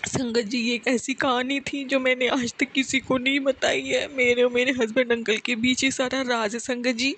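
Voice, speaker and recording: A young woman tells a personal testimony to a congregation from home, speaking softly and pleading, with frequent direct address to her listeners. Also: high-pitched, flat delivery, moderate pace, few pauses, husky. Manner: speaks softly and hushed on purpose. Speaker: devotee sharing testimony.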